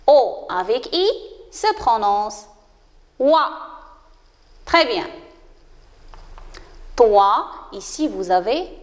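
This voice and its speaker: Slow, encouraging woman teacher. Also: a little high, sing-song, big-room sound. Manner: slow, clear, encouraging, praising pupils often. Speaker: primary school teacher. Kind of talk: reading lesson for young children.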